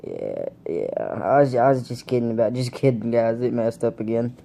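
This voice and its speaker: A man's voice: mid-range voice, big pitch swings, normal speed, vocal fry, warm tone. A young man in a casual home video, talking in a laid-back, rambling way to his viewers, with the hiccups. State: has the hiccups. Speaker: vlogger reviewing dip tobacco. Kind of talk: casual vlog chat. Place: indoors at home, camera propped on a blanket.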